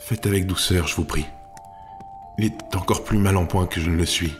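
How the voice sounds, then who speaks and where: A man's voice: low-pitched, steady tone, normal speed, faint music behind, close to an everyday voice. A man voicing a weary young female shape-shifter who speaks in a formal, courteous way. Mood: polite weary.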